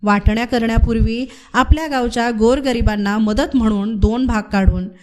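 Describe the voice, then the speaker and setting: A woman reading a novel aloud in a measured, dramatic storytelling manner. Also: on the high side, darkish tone. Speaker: narrator.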